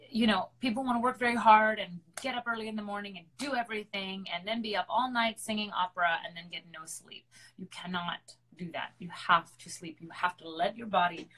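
A woman's voice: medium pitch, a bit bright, low-quality recording. A woman opera singer, a guest in a live online interview, explaining things earnestly and repeating her points for emphasis.

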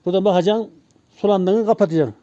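Male vlog host, casual, very quick delivery, slightly high pitch, outdoors. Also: dark tone, no echo. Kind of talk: casual chat. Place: outdoors in a garden. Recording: dull lo-fi outdoor recording.

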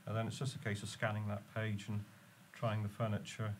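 A man's voice: fairly low pitch, monotone, brisk, slight background noise. A man, a tech company guest, explaining his product enthusiastically in casual chat with some fillers.

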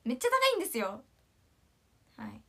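A twentysomething woman from Ishikawa, Japan chats casually on a morning livestream, her still-cold voice straining on high notes. She thinks aloud and lets sentences trail off softly. Her delivery is sing-song and fairly quick, with a gravelly, slightly rough texture.

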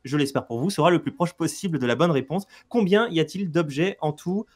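A playful man co-hosts a gameplay video in loose casual chat. His voice sits a little high, and he talks in a chatty, meandering way. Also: brisk. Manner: chatty, playful, lots of fillers. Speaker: let's play co-host.

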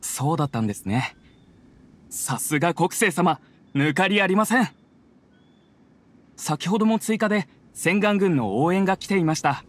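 礼儀正しく職務に忠実な若い衛兵、丁寧な敬語。やや高めの声で、背後にかすかな環境音。. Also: male voice, high voice, animated, normal speed, pauses often, a little hiss or hum. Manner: formal, respectful. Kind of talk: video game dialogue.

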